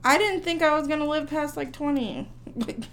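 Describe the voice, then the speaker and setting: Woman, 30s, podcast co-host, a bit high-pitched, dry and blunt, casual swearing. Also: normal speed, fairly bright tone. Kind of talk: casual chat.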